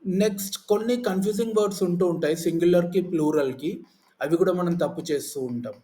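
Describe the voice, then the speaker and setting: A man's voice: sits high, fast, warm tone. A man teaching in a casual lesson, explaining with lists and everyday examples. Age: adult. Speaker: English teacher.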